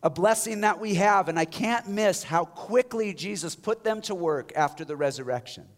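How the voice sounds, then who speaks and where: A man delivers a sermon as a pastor, his voice sitting a little high for a man. He swings between ringing exhortation and quiet, near-whispered moments. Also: normal speed. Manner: passionate, wide swings from loud exhortation to hushed near-whisper.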